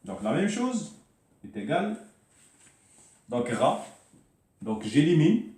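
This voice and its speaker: A man giving an informal Arabic writing lesson, hesitating and repeating words as he spells out sounds slowly. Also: on the high side, sing-song, darkish tone, reverberant, recorded from a distance. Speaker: Arabic teacher. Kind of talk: informal spoken lesson at a board.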